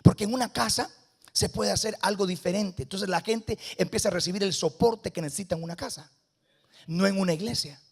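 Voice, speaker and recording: Costa Rican male guest preacher, high pitch, call-and-response sermon in a church. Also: brisk, gravelly, breathy edge. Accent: Costa Rican Spanish. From Costa Rica. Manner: calls for congregation responses, shifts between loud and hushed. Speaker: guest pastor. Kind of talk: lively Spanish sermon. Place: church sanctuary.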